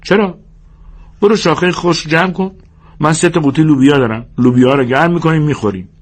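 A man voicing an exasperated, bossy but protective ranch hand in an audiobook, speaking in a high, raised, scolding voice with a husky edge. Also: lightly acted. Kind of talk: audiobook character voice.

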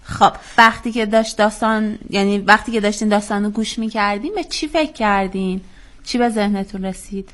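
Host type: woman, mid pitch, easygoing questions to a group of children. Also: fairly bright tone. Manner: asks children questions encouragingly. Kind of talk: casual chat with children.

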